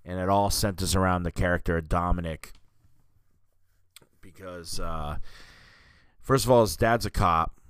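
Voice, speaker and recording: Deep-voiced man chatting casually about a film. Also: a little slow, pauses often, a bit bright, clean tone, dry recording. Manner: rambling, lots of fillers and restarts, says dude and you know what I mean. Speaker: podcast host reviewing films. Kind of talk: casual film review monologue.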